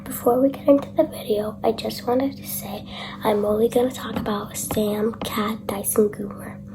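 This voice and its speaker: A young woman talking in a hushed whisper, hosting a casual late-night vlog. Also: on the high side, fairly even intonation, noisy background. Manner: hushed whisper, slow and chatty. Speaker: vlogger.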